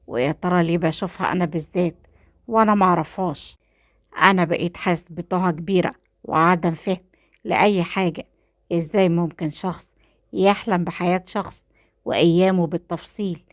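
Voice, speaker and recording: A woman with an Egyptian Arabic accent reads a romantic thriller aloud in first person, in a calm, measured storyteller's voice. Her voice sits on the low side, and the recording is close and dry. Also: dry recording.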